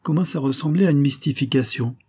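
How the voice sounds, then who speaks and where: A man's voice: a little high, fast talker, mellow, breathy edge, voice pushed up. A man reading the lines of a proud French count who speaks formally and courteously. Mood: courtly. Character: French nobleman count, proud, startled hunter.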